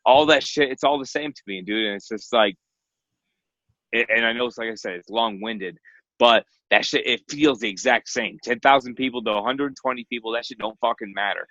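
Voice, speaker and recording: A man rants as a podcast guest, cursing through every sentence and building into hyped wrestling promos. His voice is bright and forceful, recorded dry and a bit dull over a remote connection. He rambles freely and talks himself into a fury. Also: medium pitch, brisk, no echo. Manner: profane, rambling, hyped trash talk. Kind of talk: casual podcast chat. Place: guest room at home.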